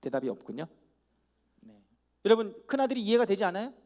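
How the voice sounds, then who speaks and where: A man preaching a youth sermon at a church service, animated, and he acts out the characters with comic asides. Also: high voice, fast talker. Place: church hall.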